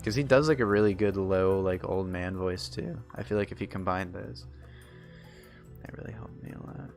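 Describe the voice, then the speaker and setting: Young guy streaming and chatting, low voice with lots of fry, rambles with a ton of likes and ums. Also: steady tone, moderate pace, a little mellow, faint music behind. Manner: rambling, many fillers and restarts. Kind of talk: casual chat while gaming.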